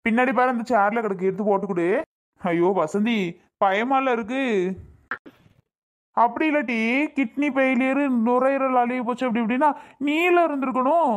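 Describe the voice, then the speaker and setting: A woman's voice: on the high side, moderate pace, pauses often, close to an everyday voice. A woman voicing a weak-willed, guilt-ridden husband in a cartoon, fretful and hesitant. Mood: worried. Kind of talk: cartoon voice acting.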